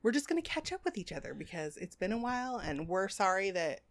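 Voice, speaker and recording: A woman's voice: medium pitch, sing-song, fast. A woman in her forties co-hosting a podcast, chatting casually and rambling with frequent swearing. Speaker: podcast co-host. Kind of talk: casual chat.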